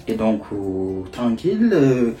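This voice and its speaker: A young man from Senegal recounts a story to his viewers in loose, chatty French. His voice is mellow and relaxed, and he keeps breaking into laughter. He slips into quick impressions of the people he met. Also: fairly low pitch. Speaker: vlogger. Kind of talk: casual storytelling.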